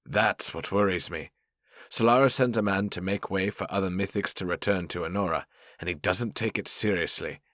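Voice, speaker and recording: A man's voice: low-pitched, fairly bright tone, no echo, studio quality. A man voicing a wry old elf rogue. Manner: measured, wry, formal. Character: old, dry-witted male elf rogue. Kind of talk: audiobook narration.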